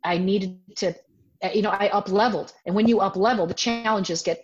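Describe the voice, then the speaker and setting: A woman in her forties, a self-defense teacher, telling a personal story in an interview in an animated way and breaking into voiced quotes of herself. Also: mid-range voice, a little fast. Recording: dull lo-fi audio.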